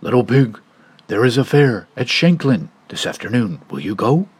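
A sly, hungry wolf growls low and coaxing, as a man puts him on for a storybook. The voice is husky and moves widely in pitch. He sounds menacing under the sweetness. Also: very animated, normal speed, darkish tone. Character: big bad male wolf, sly and hungry.

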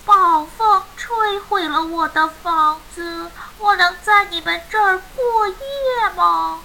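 A woman's voice: extremely high pitch, gravelly, pushed and bright, slight background noise, voice pushed up, heavily acted. A woman doing a weary, pleading reindeer. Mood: helpless. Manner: slow, helpless pleading.

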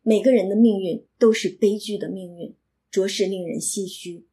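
A woman explaining a classic novel, reading and commenting in an expressive, reflective storytelling manner. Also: medium pitch, moderate pace. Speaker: literature lecturer and reader.

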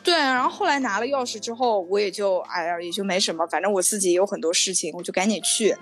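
A woman co-hosting a podcast, telling a story in casual chat. She sounds animated and indignant, and she swears freely. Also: mid-range voice, quick pace, soft background music. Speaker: podcast co-host.

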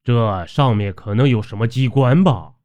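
A man voicing a brash, hot-tempered male tomb robber who talks in gruff, sneering outbursts, in an audiobook with dull lo-fi sound. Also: medium pitch, normal speed, darkish tone, no room sound, lightly acted. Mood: puzzled.

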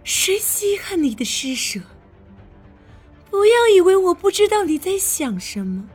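A spiteful young noblewoman full of venom, as a woman puts her on. She speaks in a very high voice, slowly and deliberately, every word dripping with scorn. An audiobook villain with faint music underneath. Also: sing-song, a little mellow, full character voice. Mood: cold scorn. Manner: sneering, slow and drawn out. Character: scheming vengeful young noblewoman, bitter elder sister. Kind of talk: audiobook character voice.

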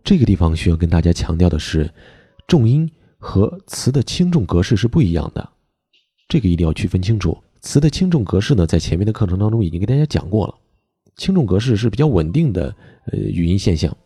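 A man teaching voice training in a recorded online lesson, explaining step by step and stressing key words with sudden jumps in pitch. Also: very animated, a little fast, mellow, breathy edge, dry recording, studio quality, faint music behind.

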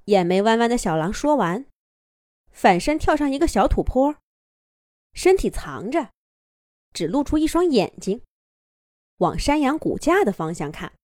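A woman narrating a children's fairy tale in a lively, expressive way. Her fairly high voice swings widely in pitch. The recording is close and dry. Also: measured pace, long pauses, no echo. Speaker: children's storyteller. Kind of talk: storybook narration.

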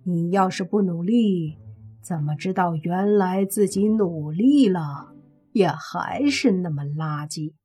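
A woman voicing an arrogant young male vampire zombie with a slow, drawling, smug delivery. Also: fairly low pitch, animated, warm tone, slightly rough, faint music behind, exaggerated voice. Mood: teasing.

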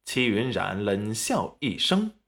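A man narrating a web novel audiobook in a dramatic, animated manner. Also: on the low side, takes it slowly, creaky.

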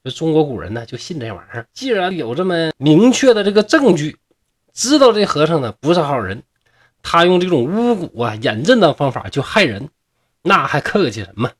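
A man's voice: on the high side, very animated, brisk. A man with a Northeastern Mandarin accent telling a folk tale in a humorous way, with chatty asides to the listeners. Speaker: storyteller.

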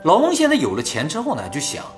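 Brisk, lively male storyteller over soft music. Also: fairly high pitch. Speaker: host and storyteller. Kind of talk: casual storytelling narration, like telling an old tale by the fire.

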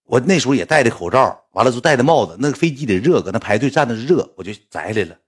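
A man telling stories on a livestream in a lively, rambling, exasperated way. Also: mid-range voice, fast, breathy edge. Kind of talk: casual storytelling on a livestream.

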